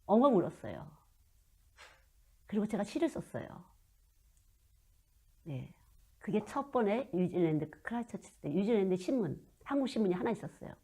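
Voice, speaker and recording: A woman in her fifties delivers a sermon in a husky voice. She tells stories from her own life. Her level swings from loud, emphatic lines to hushed, almost whispered asides. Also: medium pitch, big pitch swings, normal speed, pauses often. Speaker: children's missionary preacher.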